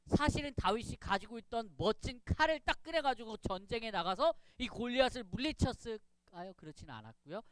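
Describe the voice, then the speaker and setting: Animated man giving a children's sermon. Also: sits high, clear, resonant tone, no echo. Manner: animated, asks children questions. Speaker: pastor.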